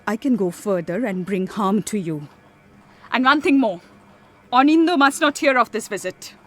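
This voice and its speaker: An actress playing a haughty, scornful, middle-aged wealthy matriarch in a radio drama. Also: female voice, a little high. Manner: imperious, scornful, commanding. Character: haughty, threatening wealthy family matriarch, mother of grown son.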